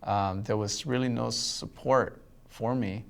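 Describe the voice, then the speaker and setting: Gravelly-voiced male teacher, Spanish native. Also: on the low side, steady tone, takes it slowly. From El Salvador. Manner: reflective, with frequent fillers and restarts. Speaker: math teacher. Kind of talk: interview.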